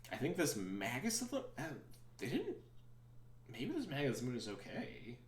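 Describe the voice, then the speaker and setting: A man's voice: medium pitch, wildly swooping pitch, normal speed, reverberant. A man streaming a card game, thinking aloud in rambling, sometimes sarcastic casual commentary.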